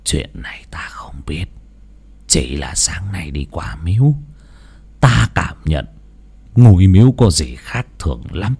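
Male narrator plays old man, grave and weary, husky hush, slow. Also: deep voice, sing-song, full character voice. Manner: slow, hushed, half-whispered.

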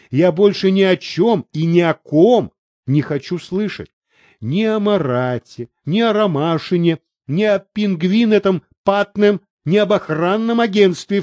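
Brief: man playing a tired male writer, calm and unyielding, fairly high, lively voice, dry close mic. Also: slow, no echo. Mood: weary. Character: weary adult male writer, calm and stubborn. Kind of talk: audiobook character reading.

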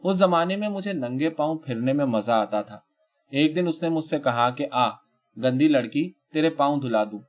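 A man's voice: fairly high pitch, animated, lo-fi sound, lightly acted. A man reading as a frightened, trembling woman. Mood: fearful. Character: frightened trembling woman, tearful, middle-aged.

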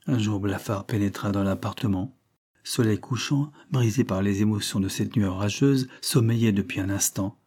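A man reading a classic novel aloud as an audiobook narrator, in a measured, dramatic manner. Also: on the low side, darkish tone, husky.

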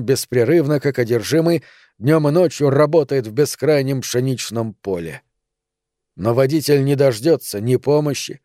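Guy narrating a story, slow dramatic pauses, mellow low-toned voice, dry close sound. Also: dry recording. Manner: measured, dramatic, with long pauses. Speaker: audiobook narrator. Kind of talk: scripted literary narration.

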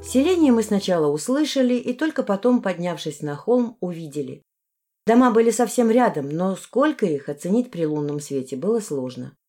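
A woman's voice: medium pitch, expressive, normal speed, darkish tone, faint music behind. Woman reading a first-person audiobook. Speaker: audiobook narrator.

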